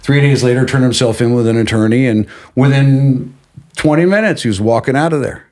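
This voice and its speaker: A middle-aged man, a guest on an interview podcast, telling a personal story in a casual, animated way and acting out what others said. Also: mid-range voice, a little fast. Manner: animated, acts out quotes of others.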